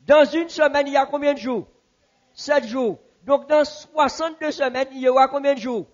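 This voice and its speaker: A man teaching a Bible class in a church, asking the audience questions and repeating answers slowly. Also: very high-pitched, steady tone, muffled recording.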